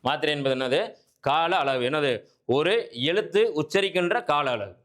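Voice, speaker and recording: A man with a fairly high, fairly bright voice teaches an exam-prep grammar lesson at normal speed. He poses questions and answers them himself, repeats key points, and often checks that listeners are following.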